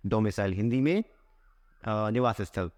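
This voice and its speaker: A man teaching vocabulary for competitive exams. He asks a question, answers it himself, and reads English phrases slowly, word by word. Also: lowish voice, a little mellow. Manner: asks a question, then answers it with a repeated keyword. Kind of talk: explaining a vocabulary lesson.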